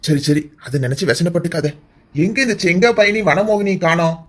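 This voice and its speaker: A man's voice: a little high, fairly quick, fairly bright tone. A man voicing an emotional, remorseful middle-aged village uncle in a cartoon, tearful and fond with his family. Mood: affectionate. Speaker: uncle and father. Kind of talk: cartoon voice acting.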